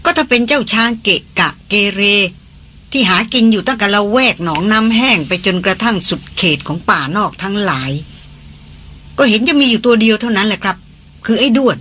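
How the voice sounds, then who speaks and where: A man's voice: high voice, a little fast, pushed and bright. A reader playing a seasoned male jungle hunter who speaks politely and plainly. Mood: calm.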